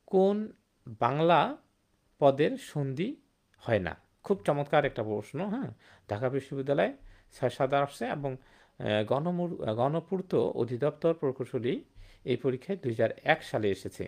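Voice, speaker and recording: A man's voice: medium pitch, lively intonation, moderate pace, a little mellow. Man, grammar teacher, online class, rhetorical check-ins, repeats key terms. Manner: rhetorical questions with "hum?" and "thik na?"; repeats and stresses key words. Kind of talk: online Bengali grammar lesson.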